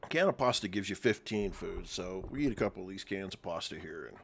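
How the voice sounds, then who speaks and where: A man's voice: deep voice, lively intonation, brisk, a little hiss or hum. Stuffy-nosed man chatting over gameplay. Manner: chatty, rambling, clears throat often. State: stuffy nose, eating while talking. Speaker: game streamer. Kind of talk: casual gameplay commentary.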